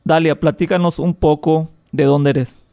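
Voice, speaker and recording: A man's voice: a little high, fairly even intonation, a little slow, vocal fry, mellow, no echo. Man, radio host, polite and formal, resonant voice, dry sound. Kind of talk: radio interview.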